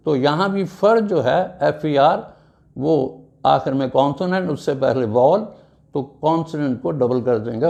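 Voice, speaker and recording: Slow, gravelly man teaching English grammar. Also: fairly high pitch, darkish tone. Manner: spells words letter by letter, slow and deliberate. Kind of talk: classroom grammar lesson.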